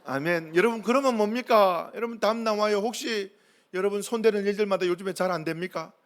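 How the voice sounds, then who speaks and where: A man's voice: high voice, fairly quick. A man preaching a sermon as pastor, emphatic and full of questions to the congregation.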